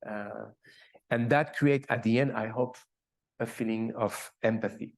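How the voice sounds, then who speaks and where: A man's voice: mid-range voice, steady tone, measured pace, creaky. A man, an artist, speaking earnestly at a panel talk with non-native phrasing and restarts. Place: gallery event room.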